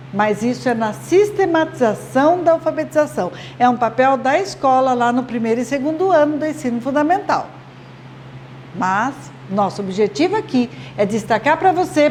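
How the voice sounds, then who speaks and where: A woman, a literacy teacher explaining to parents slowly and patiently, often checking they follow. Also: sits high, darkish tone, slight background noise. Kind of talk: instructional video talk to parents.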